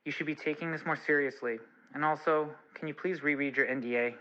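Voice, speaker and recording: A man's voice: on the high side, fairly even intonation, fairly quick. A man leaving a stern, corrective voicemail message that is played back. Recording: dull voicemail from far off.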